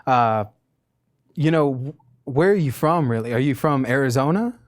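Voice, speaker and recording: Chill guy hosting a podcast interview, mid-pitch, laughs a lot, says bro. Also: animated. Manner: laid-back, quick to laugh, says dude and bro. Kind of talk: casual conversation.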